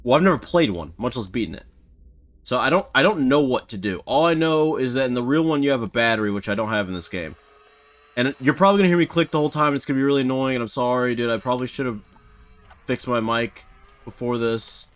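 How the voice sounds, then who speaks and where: A man's voice: medium pitch, fast. A man giving casual, rambling let's-play commentary, self-mocking and prone to startled yelps. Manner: excitable, yelps and shouts when startled. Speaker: gaming YouTuber.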